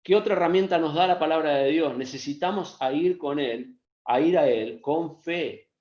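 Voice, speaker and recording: A man's voice: a little high, normal speed, a little mellow. An Argentine man preaches with earnest repetition in a slightly raised voice. The audio has a roomy echo and a muffled, lo-fi quality, as over a video call. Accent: Argentine Spanish. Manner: earnest, repeats phrases for emphasis. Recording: echoey, dull lo-fi sound.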